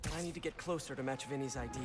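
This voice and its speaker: A man's voice: medium pitch, very fast, lightly acted. An actor playing a chatty young male hero who talks to himself as he works. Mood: eager. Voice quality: chatty, self-talking. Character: young male masked hero, earnest and quippy. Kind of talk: video game voice acting. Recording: game audio with music behind.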